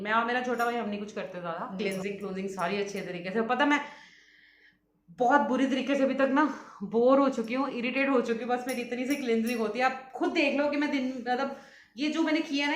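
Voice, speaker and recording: Young woman vlogging at home about beauty stuff, talks super fast and laughs a lot, kinda high voice, echoey room. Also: a bit bright. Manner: fast-talking and laughs often. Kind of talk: casual chatty vlog.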